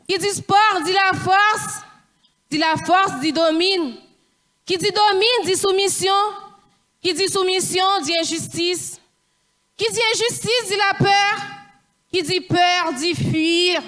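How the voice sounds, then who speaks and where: A woman's voice: extremely high pitch, a bit bright, heavily acted. A young woman on a theatre stage reciting mock advice and a chain of sayings in a declaiming style.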